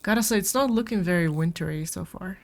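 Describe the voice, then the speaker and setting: This one is brisk and low-pitched: a sick woman with a cold chatting informally with viewers during a farming game stream. The game's music is faintly audible.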